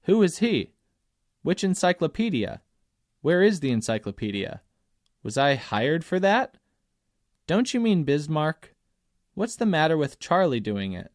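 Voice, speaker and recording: A man doing a pestering office clerk, higher voice. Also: very animated, a little slow, long pauses, no room sound, studio quality. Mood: querulous. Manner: querulous, firing off questions. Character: evasive, questioning young male office clerk.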